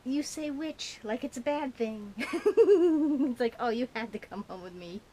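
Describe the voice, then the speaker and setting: A woman's voice: fairly high pitch, animated, moderate pace, a little mellow. A woman vlogger chatting casually about her shopping haul, giggling often and rambling with lots of fillers, her tongue a little burnt. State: burnt tongue, slightly slurred. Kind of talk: casual rambling chat to camera.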